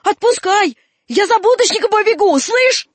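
A woman's voice: extremely high pitch, very animated, unhurried, no echo, voice pushed up, heavily acted. A woman voicing a bold, cheeky street boy in a storybook reading, pushy and bargaining. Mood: shouting.

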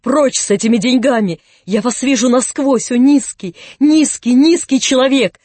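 A proud, hurt young woman, played by a man with a fairly high voice speaks in clipped, indignant lines, begging to be left alone. The reading sounds close and dry. Her scorn can flare suddenly. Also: fairly quick, darkish tone, breathy edge, no echo. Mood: furious. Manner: curt, pleading to be left alone.

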